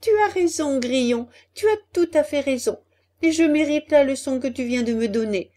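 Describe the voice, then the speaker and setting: A woman voicing a cheeky, excitable puppet boy in a storybook reading, with a high, loud, exclamatory delivery. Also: normal speed, close to an everyday voice. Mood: eager.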